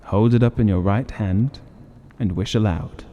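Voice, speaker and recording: A man voicing a gruff old sergeant major, slow, solemn and dogged, as an audiobook character. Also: lowish voice, warm tone, lo-fi sound, lightly acted. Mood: solemn warning. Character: grave, gruff old soldier, a sergeant major back from India. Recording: long reverberant hall-like echo.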